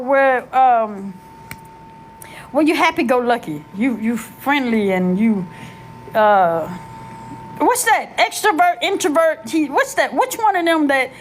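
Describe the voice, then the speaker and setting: A middle-aged woman telling her life story in a casual, animated, slangy way, often searching for words. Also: a little high, slight background noise.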